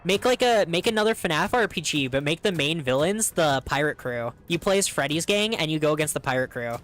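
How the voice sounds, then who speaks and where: Young guy streaming a game, excited rambly commentary, kinda high voice. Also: brisk, faint music behind. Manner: excited, rambling, laughs often. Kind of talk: casual gameplay commentary.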